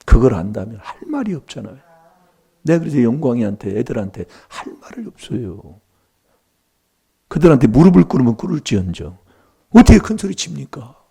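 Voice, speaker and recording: A man's voice: mid-range voice, big pitch swings, a little fast, gravelly, dark tone, husky. A middle-aged man preaching a sermon in a church, emphatic and prompting the congregation for replies.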